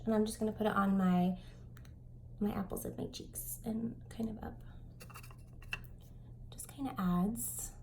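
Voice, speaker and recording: Chatty young woman with a gravelly edge. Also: medium pitch, noisy background. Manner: chatty, rambling, with many fillers and soft whispered asides. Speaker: beauty vlogger. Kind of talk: makeup tutorial chat. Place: home.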